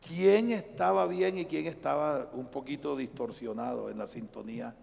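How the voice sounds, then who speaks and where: A Colombian man preaching a live sermon as pastor, swinging between loud preaching and quiet, low asides. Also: moderate pace, creaky. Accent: Colombian Spanish. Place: church sanctuary. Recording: reverberant church livestream.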